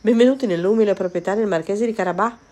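A woman voicing a clever, bold male cat in a storybook, speaking slyly in a raised, lively tone. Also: deep voice, moderate pace. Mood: exclaiming. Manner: sly, theatrical, raised and bright.

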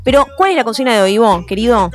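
A woman hosting a live radio show, brisk and chatty. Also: a little high, lively intonation, soft background music. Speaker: radio host.

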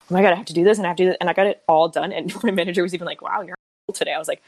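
Woman, mid-twenties, story-telling chat, animated, lowish voice, dry sound. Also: rapid-fire, dry recording. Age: 20s. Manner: animated storyteller, acts out quotes.

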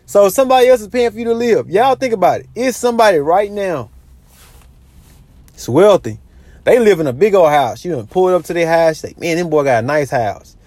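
A man with a notably high speaking voice talks his listeners through money advice in a casual monologue. He lectures and circles back to the same points again and again. The sound is close and dry. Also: animated, a little fast, darkish tone, dry recording. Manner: repetitive, lecturing, says "you know what I'm saying" a lot.

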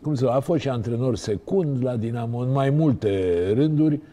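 A man's voice: medium pitch, warm tone. A man hosting an interview, prompting his guest and interjecting with background facts. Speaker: interviewer, host. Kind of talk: conversational interview.

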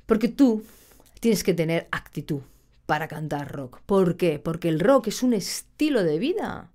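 Brief: woman singing coach, slightly low pitch, animated and playful. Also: a little slow. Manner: animated, acts out students and shouts, laughs often. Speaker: singing teacher. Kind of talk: casual video lesson.

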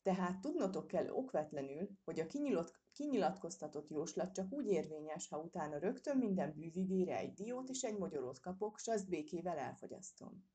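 A woman voicing an old male squirrel soothsayer who speaks with unshaken calm and haggles slyly. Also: lowish voice. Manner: unhurried, sly bargaining.

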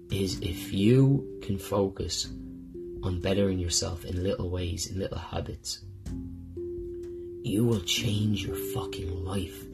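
A man with a low, gravelly voice hosts a podcast, talking through a rambling, heartfelt monologue and swearing freely along the way. Plucked guitar music plays clearly behind him. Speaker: podcast host. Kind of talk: casual personal monologue.

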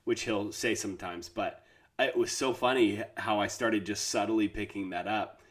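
This podcast co-host has a lowish, steady, fairly bright voice and keeps a moderate pace. Recorded over a remote call, he banters casually with his co-host, joking playfully and laughing a lot.

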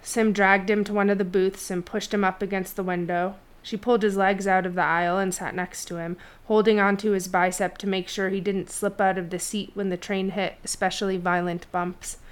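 A woman narrating a fantasy novel chapter in a steady storytelling read. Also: medium pitch, a little fast, hardly any pauses, clean tone. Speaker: audiobook narrator. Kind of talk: scripted fiction narration.

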